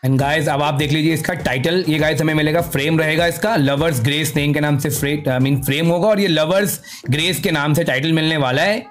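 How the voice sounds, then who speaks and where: A man giving casual gaming commentary, excitable and slangy with repeated exclamations. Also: on the high side, fairly quick, few pauses, soft background music. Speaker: gaming content creator. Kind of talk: casual game skin showcase commentary.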